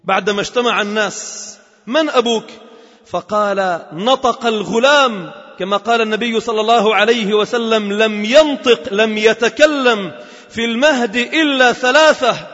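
A preacher gives a Friday sermon in a mosque, telling a story dramatically and stretching out phrases for emphasis. His voice is high and fairly bright, at a moderate pace. The recording is dull and lo-fi, with long mosque reverb.

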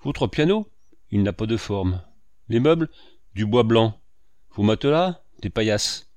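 A man's voice: lowish voice, expressive, unhurried, a little mellow, no echo. A man reading the part of a stern, scornful middle-aged landlord in curt, contemptuous lines. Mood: exasperated.

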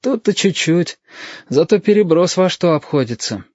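A man reading an audiobook voices a gentle, weary boy who speaks quietly and briefly. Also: high-pitched, lively intonation, normal speed, dry recording, pitched above the performer's own voice. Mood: quiet, tired. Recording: dull, dry lo-fi audio.

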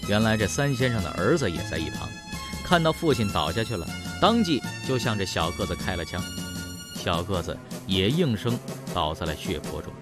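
A man's voice: lowish voice, big pitch swings, normal speed, over music. A man narrating a traditional tale in a dramatic style, voice rising and falling with the action. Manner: dramatic, swelling rises and falls. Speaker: storyteller. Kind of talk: traditional Chinese storytelling narration.

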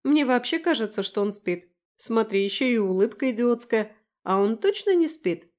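A woman's voice: on the high side, animated, normal speed, a little mellow, voice pushed up, lightly acted. A woman voicing a brash, sarcastic, chatty young woman in an audiobook, teasing and mocking. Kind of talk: audiobook character voice.

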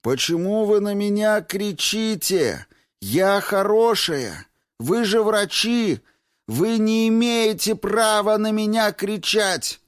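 Man doing a shrill old woman, pleading, indignant, high and loud, dry close sound. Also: lively intonation, takes it slowly, no echo. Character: frightened elderly woman patient, pleading and shrill.

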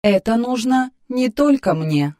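A man's voice: very high voice, lively intonation, measured pace, a little mellow, voice pushed up. A man voicing a sarcastic female AI who lives in a man's head, speaking in a raised, cool voice in an audiobook. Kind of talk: audiobook character voice.

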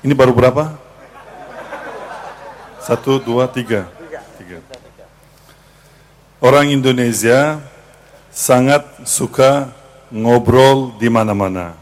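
A man who works as a teacher, speaking casually and reflectively to an audience, pausing with fillers. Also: medium pitch.

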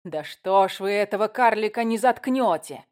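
A woman reading an audiobook, voicing a coarse, angry bearded man who shouts roughly. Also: medium pitch, animated, normal speed, close to an everyday voice.

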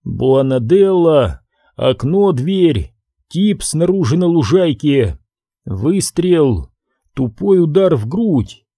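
A male audiobook narrator reads a hardboiled crime novel at an unhurried pace. His voice is mellow and his intonation rises and falls with expression. It is recorded close and dry. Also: on the high side, dry recording. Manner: measured, expressive reading. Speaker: audiobook reader. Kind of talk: scripted narration.

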